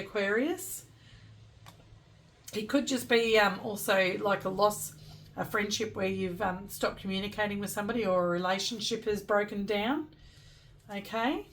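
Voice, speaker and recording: Give the voice of a woman fortune teller at an ordinary middle pitch. She reads oracle cards off the cuff, pondering aloud and speaking straight to the listener with gentle advice. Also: a little hiss or hum, rough recording. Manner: gentle advising, thinking aloud, addressing the listener directly. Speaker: tarot and oracle card reader. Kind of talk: fortune teller giving an oracle card reading, unscripted.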